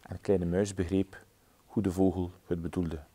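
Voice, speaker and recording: Brief: man, warm low voice, gentle measured children's story reading. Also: level tone, husky. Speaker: storybook reader. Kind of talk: children's story read-aloud.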